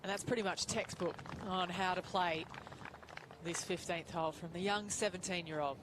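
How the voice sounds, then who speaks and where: A woman's voice: fairly low pitch, steady tone, normal speed. A woman giving analytical live golf commentary as a broadcaster. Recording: clear outdoor background noise.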